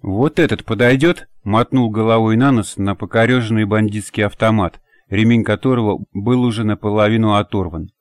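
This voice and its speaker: A man narrating an audiobook in a steady, measured reading. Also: lowish voice, smooth, no room sound, clean studio sound. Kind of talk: scripted narration.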